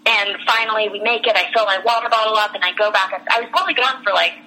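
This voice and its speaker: A woman's voice: fairly high pitch, fast talker, pushed and bright, soft background music, rough recording. A young woman casually telling a long personal story, rambling with lots of fillers and restarts and laughing as she goes. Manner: laughs through her story.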